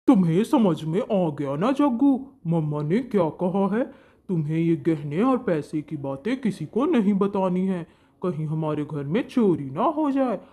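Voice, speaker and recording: A woman's voice: lowish voice, big pitch swings, measured pace, dark tone. A woman voicing a scheming thief father crow in a cartoon, talking in a sly, secretive way. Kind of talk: cartoon voice acting.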